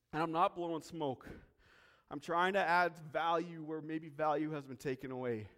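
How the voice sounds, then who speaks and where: A pastor preaching in a church sanctuary, his fairly high man's voice carrying with a long reverberant tail. He speaks earnestly and with emphasis, circling back to key phrases to drive them home. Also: fairly even intonation, measured pace, a bit bright, smooth. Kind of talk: sermon.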